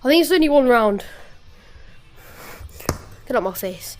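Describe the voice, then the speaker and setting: A woman's voice: high voice, lively intonation, measured pace. A woman giving casual commentary on her own gameplay, breathing heavily from exertion. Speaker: gamer narrating own gameplay. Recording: music behind the voice. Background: game music and announcer.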